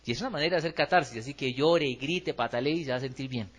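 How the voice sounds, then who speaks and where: A man with a Colombian accent preaching a lively sermon in a church hall, acting out quotes and tossing rhetorical questions to the congregation. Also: mid-range voice, rapid-fire. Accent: Colombian Spanish. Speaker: pastor.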